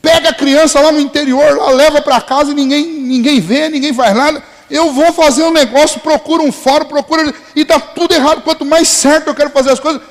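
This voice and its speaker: A preacher putting on an exasperated man who rants that God ignores him, pitched high and loud. The complaint rings out in a long reverb. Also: steady tone, brisk, hardly any pauses. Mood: indignant. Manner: indignant complaining, voice raised.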